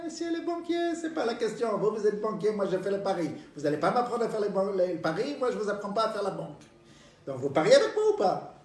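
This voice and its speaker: A sly, cunning old woman of ninety-five, as a man puts her on in a high, wavering falsetto. Her lines are drawn out and sing-song, and they rise and fall a great deal. The voice sounds roomy, as if heard from a distance. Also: sing-song, fast, a little mellow.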